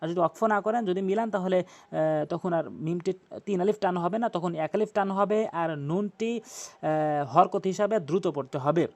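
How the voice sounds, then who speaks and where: A man with a Bangladeshi Bengali accent teaching tajweed, spelling Arabic letters out slowly and chanting verses in long drawn-out tones. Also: high voice. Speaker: Quran recitation teacher. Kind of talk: tajweed lesson with recitation.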